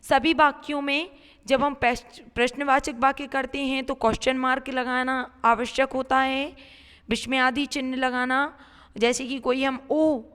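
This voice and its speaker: A woman's voice: sits high, a bit bright, smooth, long reverb tail. A woman teacher explaining a grammar lesson step by step, reading a line and then paraphrasing it.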